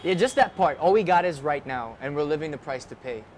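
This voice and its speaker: A man's voice: on the high side, animated, brisk, a little mellow, slight background noise. A man interviewing a rapper in a casual, hesitant way, with plenty of fillers, outdoors. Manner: hesitant, friendly, full of fillers.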